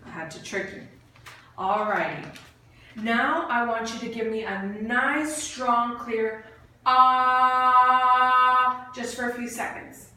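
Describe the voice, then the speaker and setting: A woman clinician with a fairly high, sharp-toned voice talks at a moderate pace, walking someone through an exam step by step. She is encouraging and drops in short bits of praise. The room is very echoey, the mic sits at a distance, and there is faint noise.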